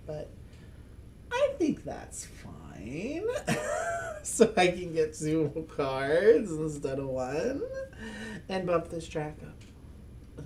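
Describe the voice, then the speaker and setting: A man with a voice on the high side hosts a board game channel, playing a solo game and thinking out loud with a loud, projecting delivery. He chuckles and tosses in self-mocking asides during this casual playthrough commentary, with slight background noise present.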